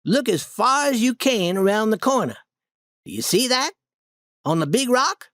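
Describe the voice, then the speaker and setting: A reader putting on a bold young boy adventurer, pitched well up and bursting with insistent excitement. He talks in lively, swooping lines, with a dry, close sound in a storybook reading. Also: normal speed, no echo. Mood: eager.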